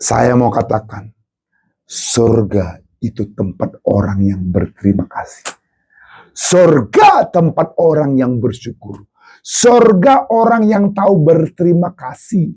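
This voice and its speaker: A pastor preaches a dramatic sermon, firing off repeated rhetorical questions and swinging between low Bible reading and high exclamations. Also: expressive, slow, dark tone.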